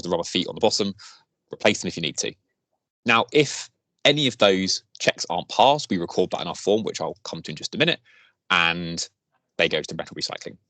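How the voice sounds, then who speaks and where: Low-pitched man, dry close sound, informal work presentation, explanatory, on a video call. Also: a bit bright, no echo. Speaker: presenter, health service staff. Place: online meeting on a video call.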